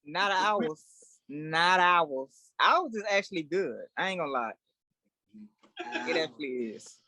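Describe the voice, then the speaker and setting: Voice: medium pitch, expressive, measured pace, bright, forceful tone. A co-host in a casual podcast, blunt and teasing, laughing often.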